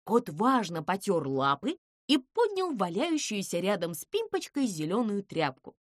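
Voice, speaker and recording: A woman narrating a children's fairy tale in an expressive storytelling way, close to the mic. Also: mid-range voice, a little slow, dry recording. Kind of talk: audiobook fairy-tale reading.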